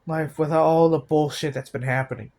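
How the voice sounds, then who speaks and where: An eighteen-year-old man talking about his feelings in a personal vlog, halting and downcast, often restarting his sentences. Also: on the high side, fairly even intonation, darkish tone. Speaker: vlogger.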